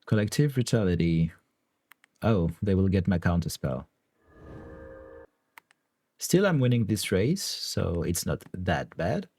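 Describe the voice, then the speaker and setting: Slow, low-voiced French-accented man musing. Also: very animated, a little mellow, breathy edge. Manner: deliberating, laughs often. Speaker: card game streamer. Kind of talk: thinking aloud while playing online.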